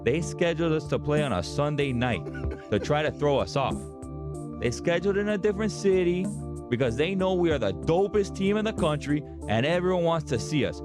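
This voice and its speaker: Brash young superfan played by a man, Miami Cuban-American accent, higher-pitched, booming motivational hype speech over prominent music. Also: expressive, fairly quick, natural voice. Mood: fired-up, defiant. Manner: emphatic, dramatic build-ups, slangy Spanglish. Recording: background music under the voice.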